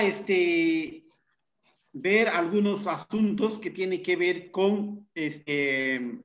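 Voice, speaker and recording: A man teaching a Bible Hebrew class, unhurried, often pausing with fillers and checking in with tag questions. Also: a little high, muffled recording, a little hiss or hum. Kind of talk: classroom lecture.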